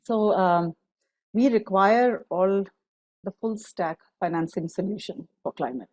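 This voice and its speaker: A woman's voice: mid-range voice, unhurried, darkish tone, no room sound, poor audio. A woman, a guest on a panel discussion, speaking fluently and laying out her points in long lists. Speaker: guest panelist, climate fund partner.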